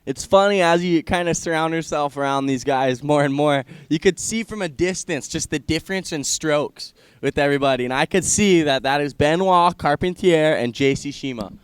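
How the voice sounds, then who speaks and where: A man's voice: on the high side, moderate pace, few pauses, clean tone, no echo. A man doing casual live sports commentary in a laid-back, chatty surfer style. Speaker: surf contest commentator.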